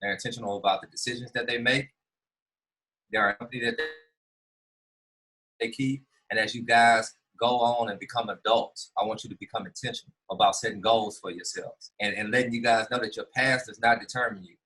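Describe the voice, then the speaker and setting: A middle-aged man delivers an earnest motivational keynote, stumbling through fillers and restarts. His voice is low and bright, with a husky edge. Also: fairly even intonation, brisk, low-quality recording. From Houston, Texas. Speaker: keynote speaker. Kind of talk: motivational speech.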